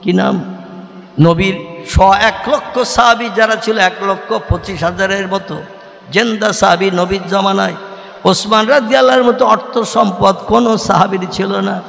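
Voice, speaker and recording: High chanting preacher man in an echoing hall. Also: steady tone, moderate pace, vocal fry. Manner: swings between sung chanting and shouted emphasis, calls on the crowd to respond. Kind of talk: sermon.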